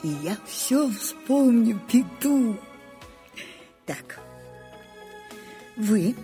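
Elderly grande dame, bossy then pleading, slow, measured delivery, faint music underneath. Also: female voice, a little high, animated, mellow, exaggerated voice. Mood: coaxing. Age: older. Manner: commanding, then coaxing and pleading. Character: imperious elderly grande dame, demanding and forgetful. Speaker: aging grande dame dictating her memoirs. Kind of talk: dubbed film drama.

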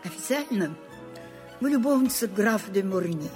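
A woman's voice: mid-range voice, animated, normal speed, music in the background, close to an everyday voice. An actress playing an imperious, forgetful elderly grande dame who commands and coaxes her secretary in a dubbed film drama. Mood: coaxing. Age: older. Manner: commanding, then coaxing and pleading. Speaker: aging grande dame dictating her memoirs.

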